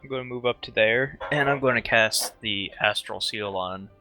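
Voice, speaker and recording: A man's voice: medium pitch, normal speed, bright, forceful tone, faint music behind. A man talking casually as a player in a tabletop game.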